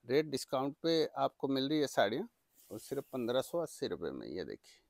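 A man presenting products for sale in an eager, repetitive teleshopping-style pitch. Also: very animated, brisk, vocal fry, darkish tone, no room sound, studio quality. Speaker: saree seller presenting products. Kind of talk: product sales demonstration.

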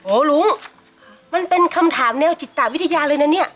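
A woman's voice: sits high, animated, a little fast, soft background music. A woman playing a patient, motherly housemaid who teaches English in an online short drama. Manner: patient and motherly, talks in a teasing then gentle way.

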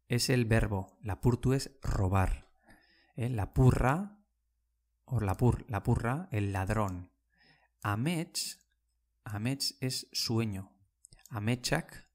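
Slow, gravelly-voiced man teaching a language. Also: on the low side, darkish tone. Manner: explains slowly, repeating words and checking in with "¿vale?". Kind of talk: casual language lesson.

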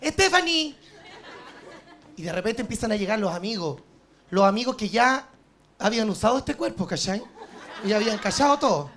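A woman with a Chilean accent doing a brassy, animated stand-up monologue, acting out the voices of others. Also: medium pitch, brisk. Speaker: stand-up comedian. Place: TV studio stage. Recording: live show with loud audience laughter. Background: audience laughter and crowd noise.

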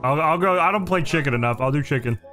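A man's voice: a little high, quick pace, pushed and bright, soft background music. A man chatting casually during an online game, joking in a playfully melodramatic way as he plays with his team. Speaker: game player. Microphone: gaming voice chat.

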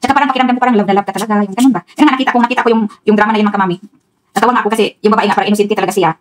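Talking very fast in a mid-range voice with fairly even intonation, a middle-aged Filipino woman hosts a meandering home cooking vlog from her kitchen. She speaks right to the viewers, laughs a lot, and there's slight background noise.

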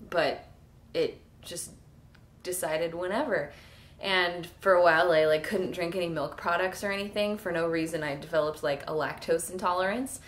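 Hoarse, chatty woman vlogging. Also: on the low side. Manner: chatty and self-mocking, laughs often. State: hoarse, losing her voice. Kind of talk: casual pregnancy vlog.

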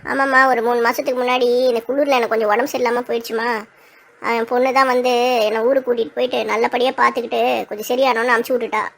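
A woman's voice: a little high, level tone, racing, vocal fry. A woman playing a feisty, quarrelsome old grandmother in a comic village skit, scolding and threatening. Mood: plaintive. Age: older. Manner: scolding, threatening, then tearful.

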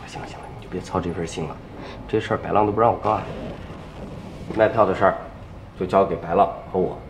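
A man's voice: deep voice, fairly even intonation, fast, a little hiss or hum. A man acting in a TV drama, speaking firmly and insistently as a music troupe organizer. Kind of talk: TV drama dialogue.

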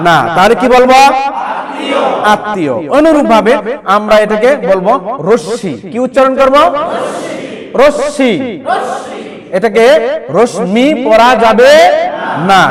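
A male teacher with a high voice, recorded in a classroom. He keeps asking his students questions and then answers them himself, repeating each word. The noise of a crowd is clear behind him. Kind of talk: classroom lesson.

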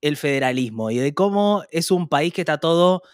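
An Argentine man co-hosting a podcast, chatting casually, often hesitant and trailing off softly. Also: on the high side, animated, normal speed, no echo, studio quality. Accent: Argentine Spanish. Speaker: podcast co-host. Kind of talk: casual chat.

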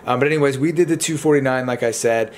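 A young man talks to the camera in an informal, chatty vlog style. His voice has a medium pitch, and he explains things casually from a living room, with noticeable background noise. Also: fast talker, darkish tone. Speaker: vlogger. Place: indoors in a home living room.

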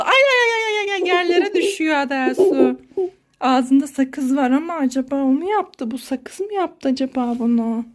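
Mom vlogger, 30s woman, high voice, theatrical exclaiming, playful skit. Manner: dramatic, exclaiming, sing-song fussing. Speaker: mother filming her child. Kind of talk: playful family skit vlog.

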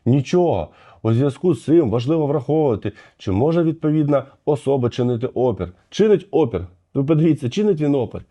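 Чоловік-коментатор обурено розбирає відео, посилаючись на закон. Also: male voice, mid-range voice, big pitch swings, fast, mellow. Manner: indignant legal argument. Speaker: commentator. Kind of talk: commentary over video.

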